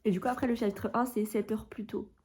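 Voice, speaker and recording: A woman's voice: mid-range voice, steady tone, fast, a little mellow, a little hiss or hum. A woman talking casually as a book vlogger, informal and slangy, rambling through her thoughts. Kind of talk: casual chatty reading vlog.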